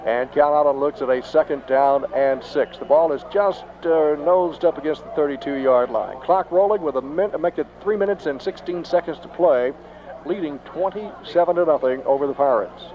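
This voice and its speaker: A man with a Texan accent calling high school football play-by-play, excitable and rising sharply on big plays. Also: normal speed. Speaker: play-by-play announcer. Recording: dull lo-fi 1990s broadcast tape, faint noise.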